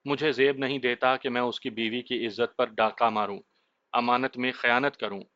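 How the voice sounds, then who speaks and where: A man narrating a suspense horror story in a measured, literary storytelling way, on a close mic. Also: mid-range voice, fairly even intonation, fairly bright tone, no room sound. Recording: slightly dull dry recording.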